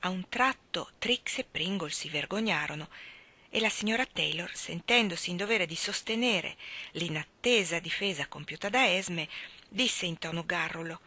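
A woman reading a novel aloud in an expressive, measured way. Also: on the low side. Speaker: audiobook reader.

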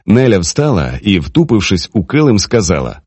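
Male audiobook narrator, expressive dramatic reading, very animated pitch, dry close sound. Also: normal speed, breathy edge, no room sound.

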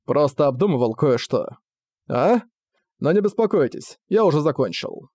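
A man's voice: a little high, lively intonation, moderate pace, darkish tone, no room sound. A man voicing a cunning young prince who talks casually and mockingly. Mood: flippant. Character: young male prince, cool, cunning and flippant.

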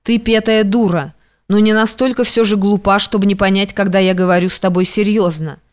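A woman's voice: mid-range voice, fairly even intonation, a little fast, natural voice. A woman reading an audiobook, voicing a stern, domineering young man who speaks harshly and commandingly.

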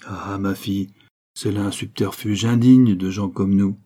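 An older Spanish duke, played by a male reader, stern yet tender toward his daughter. The voice stays low and dark, with a husky grain and a dignified, measured weight. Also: steady tone. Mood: fatherly.

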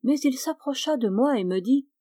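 A woman with a French accent reading a literary novel aloud as an audiobook, in a measured, calm storytelling manner. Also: sits high, no echo, clean studio sound. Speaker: audiobook reader.

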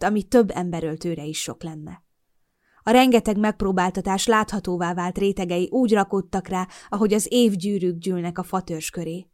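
A young adult woman narrating a novel in the first person, in a gentle, reflective storytelling voice, recorded on a studio microphone. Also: lowish voice. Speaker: audiobook narrator.

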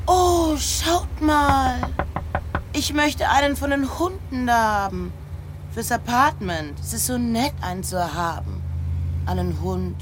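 Gushing, lively-voiced Myrtle. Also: female voice, fairly high pitch, slow pace, background noise. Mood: excited, coaxing. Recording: music behind the dialogue.

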